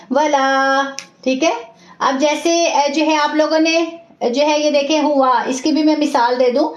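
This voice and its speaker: A woman teaching Quran recitation in an online class, explaining patiently step by step and slowing down to model the sounds. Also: high-pitched. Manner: greets and praises students by name. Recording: echoey, dull lo-fi room sound.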